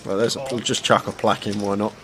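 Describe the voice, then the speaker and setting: A British man with a fairly low voice gives live commentary on a poker table. He breaks each hand down analytically, talking through the options. A faint hum of noise sits under his voice. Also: little pitch movement, fast.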